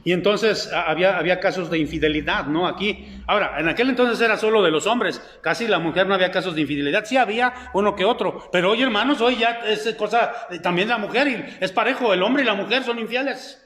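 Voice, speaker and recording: High-voiced pastor in an echoey hall. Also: male voice, fast, few pauses, fairly bright tone. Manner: keeps quizzing the congregation. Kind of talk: sermon. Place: church hall. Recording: echoey hall with long reverb.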